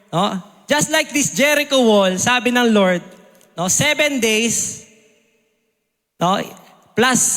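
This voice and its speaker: A Filipino lay preacher with a very high, bright and forceful voice, mixing Tagalog and English. He keeps checking in with the congregation through "no?" and "amen?". The sound carries a long church hall reverb. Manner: Taglish with constant "no?" and "amen?" tags; acts out soldiers' questions in a raised voice. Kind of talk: sermon.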